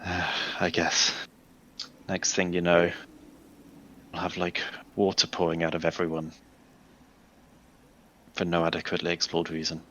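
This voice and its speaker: A man's voice: sits low, monotone, measured pace, pauses often, bright, forceful tone, a little hiss or hum. A man casually playing his character in a tabletop role-playing game, wry and rambling. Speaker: player.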